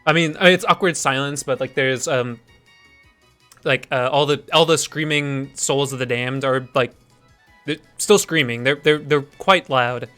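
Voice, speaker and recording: Bright-voiced rambling male streamer. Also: mid-range voice, a little slow, clean tone, faint music behind. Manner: rambling, many restarts and fillers. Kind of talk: improvised story while gaming.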